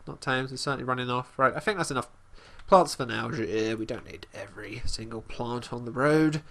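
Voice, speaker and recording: A man casually commenting on his gameplay as host, talking about his character in third person with halting restarts and fillers. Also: medium pitch, gravelly, a bit bright. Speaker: let's play host.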